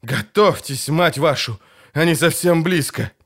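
A man's voice: a little high, unhurried, a bit bright, husky, pitched above the performer's own voice, full character voice. A man reading an audiobook, voicing a wounded male mercenary who wheezes and groans. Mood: panicked.

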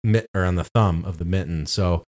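A man's voice: sits low, fairly quick, a little mellow. A man, co-hosting a podcast and telling a travel story in casual chat, with lots of fillers. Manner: rambling storytelling with many fillers. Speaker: podcast co-host.

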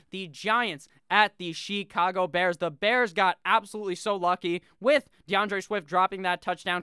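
A man's voice: high-pitched, pushed and bright, smooth, no room sound, studio quality. A young man hosting a casual solo video, talking brashly with profane jokes and asides. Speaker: fantasy football video host.

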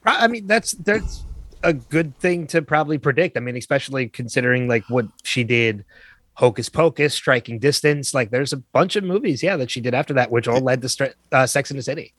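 A man's voice: mid-range voice, animated, a little fast, a bit bright, no room sound. A man, a guest on a podcast, chatting casually and agreeably about films. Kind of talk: casual film chat.

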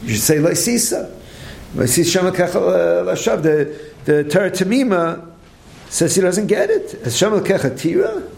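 Rabbi teaching a late-night Talmud class: higher gravelly voice, animated rhetorical questions, echoey room. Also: male voice, normal speed. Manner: animated, rhetorical questions, frequent restarts, Hebrew terms.

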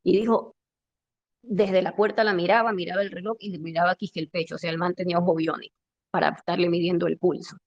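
A woman's voice: on the low side, little pitch movement, fast talker, lo-fi sound. A woman caller intensely telling a personal story and retelling dialogue. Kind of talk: emotional personal account.

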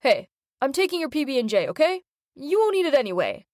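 Teasing teen brother, quick and cocky, as a woman puts him on. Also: high-pitched, sing-song, a little mellow, no echo, clean studio sound.

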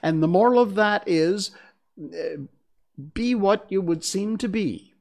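A man's voice: sits high, takes it slowly, creaky, darkish tone, pitched above the performer's own voice, heavily acted. A man reading aloud and voicing an ugly old duchess who keeps drawing morals from everything, in a preachy, pompous manner, raised above his own voice.

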